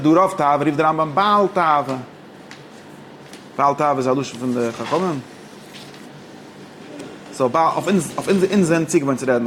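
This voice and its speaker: A man teaching an informal text study lesson, halting and restarting often, mixing languages. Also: mid-range voice, slight background noise. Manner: halting, mixes languages, many fillers and restarts. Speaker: teacher of religious texts.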